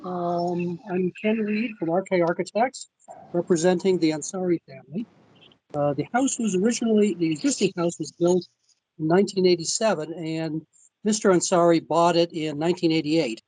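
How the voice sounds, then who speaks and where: A man presenting as an architect to a zoning board over a remote call connection that breaks up, speaking haltingly with many fillers. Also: high-pitched, a little mellow, dry recording, low-quality recording. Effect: remote call audio, breaking up.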